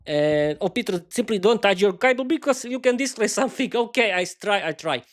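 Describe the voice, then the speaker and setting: A Slovak man speaking non-native English, hosting an unscripted solo podcast, with halting phrasing, frequent restarts and fillers, and cheerful bursts of thanks to his listeners. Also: high-pitched, animated. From East Slovakia. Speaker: podcast host.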